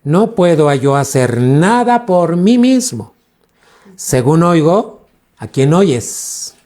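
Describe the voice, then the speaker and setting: A pastor teaching a sermon in a slow, deliberate way. His voice is dark and mellow. He stretches key words and throws questions at the congregation. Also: on the high side, sing-song. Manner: preaching with questions to the congregation, drawn-out emphasis.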